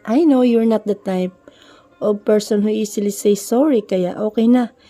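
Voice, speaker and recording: A woman's voice: medium pitch, normal speed, warm tone, soft background music, close to an everyday voice. A woman voicing a lovesick young woman pleading. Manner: pleading, emotional.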